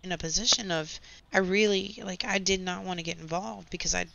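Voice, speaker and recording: A woman hosts a gaming channel and talks casually while she plays, rambling candidly through a story. Her voice sits low and has a gravelly edge. The audio is a bit dull and lo-fi, with a faint background hum. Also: fairly even intonation, fairly quick, sharp tone. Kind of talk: casual commentary over gameplay.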